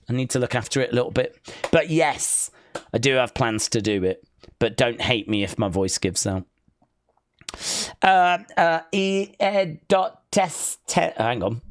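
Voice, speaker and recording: A medium-pitched male voice, recorded cleanly in a studio with no echo, belongs to a streamer hosting a live wrestling watch-along. He chats loosely and reads chat aloud in a rambling, hesitant way, his voice weak as though he has a cold.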